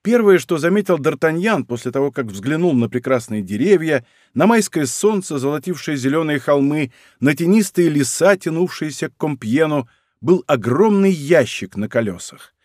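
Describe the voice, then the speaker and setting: A man narrating a historical adventure novel as an audiobook, with expressive storytelling. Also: a little high, moderate pace, dry recording, clean studio sound. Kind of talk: scripted narration.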